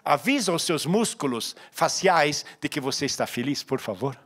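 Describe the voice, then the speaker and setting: High-voiced, animated preacher man. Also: normal speed. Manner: animated preaching, acting out dialogue with sudden loud and soft turns. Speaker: pastor. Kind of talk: sermon.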